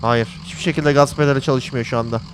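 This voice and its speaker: A man's voice: medium pitch, fairly even intonation, quick pace, slight background noise. A man commentating a horror game in a jokey way, reading its lines aloud and yelping when startled. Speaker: gaming channel host. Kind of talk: let's play commentary.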